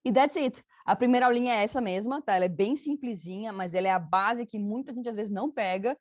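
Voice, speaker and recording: A woman's voice: a little high, fast talker, dry recording, studio quality. A woman from Brazil, teaching a casual online English lesson, chatty and patient, often checking in with her students and repeating examples.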